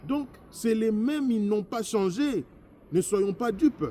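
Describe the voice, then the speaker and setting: This Congolese man from DR Congo, a politician and former member of parliament, has a high, animated voice that moves slowly with a dark tone and a faint hiss or hum. He delivers an impassioned political address, emphatic and repetitive, switching between French and Lingala.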